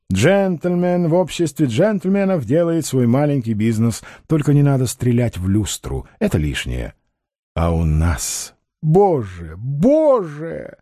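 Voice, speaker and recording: A man's voice: medium pitch, dark tone, no room sound, clean studio sound. A man voicing an ironic, self-assured male con man who speaks with grand, eloquent flair.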